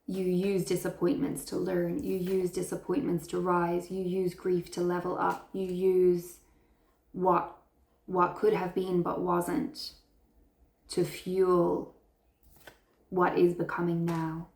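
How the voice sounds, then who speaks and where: Woman tarot reader, unhurried delivery, earnest and affirming, echoey room. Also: on the low side, monotone, creaky, darkish tone. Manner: slow, earnest and affirming, with emotional praise. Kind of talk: intuitive tarot reading to camera.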